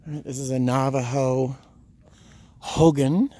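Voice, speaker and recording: This man, an American vlogger from Rhode Island, muses wryly to the viewer as he wanders a tourist site, outside and inside small huts. He speaks at medium pitch with fairly even intonation, a measured pace and a dark tone; the handheld recording picks up outdoor ambience.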